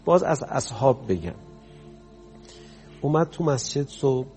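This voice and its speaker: A man's voice: mid-range voice, animated, a little mellow, faint music behind. A man preaching a sermon, telling stories in a conversational way that rises to impassioned emphasis. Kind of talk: storytelling sermon.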